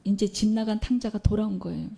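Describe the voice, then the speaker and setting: A woman's voice: mid-range voice, steady tone, fast, creaky, mellow, slightly rough. A woman preacher giving a sermon in a church, telling a story and posing questions to the congregation.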